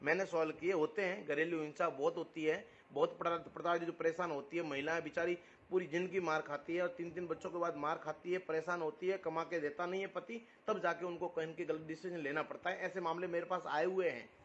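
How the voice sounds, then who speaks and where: Speaking briskly in a steady, fairly bright, slightly high voice, a Rajasthani-accented man from Rajasthan, India, argues on the phone, insisting and repeating his phrases. He is a community activist. The lo-fi call recording is muffled, with a little hiss or hum.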